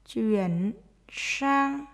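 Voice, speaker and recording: A woman's voice: fairly high pitch, lively intonation, extremely slow, gravelly, a bit bright. A woman primary school teacher dictating to young pupils, saying short phrases word by word and repeating each one.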